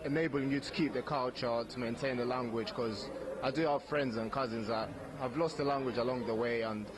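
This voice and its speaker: A young Ugandan man who grew up speaking Luganda and Runyankole answers an interviewer's questions at an outdoor community event, with crowd chatter in the background. His mid-range voice is steady and fairly quick, and he is earnest and thoughtful, often repeating his first words in this casual street interview.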